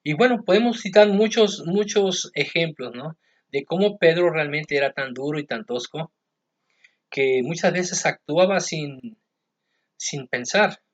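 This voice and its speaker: A man preaching a sermon in a loose, conversational way, often checking in with his listeners. His voice sits slightly high for a man. The recording is a bit dull and lo-fi. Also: unhurried. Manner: conversational, keeps asking ¿sí? and ¿verdad?.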